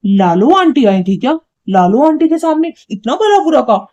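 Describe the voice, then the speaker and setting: A woman's voice: sits high, sing-song, moderate pace, mellow, lo-fi sound. A woman voicing a hot-tempered young husband and son in a cartoon, scolding and indignant. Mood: concerned. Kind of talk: cartoon voice acting.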